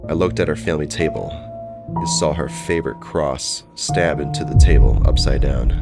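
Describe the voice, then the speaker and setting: Male narrator for scripted horror: bottomless bass register, dramatic first-person storytelling over a prominent music bed. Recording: loud music bed behind voice.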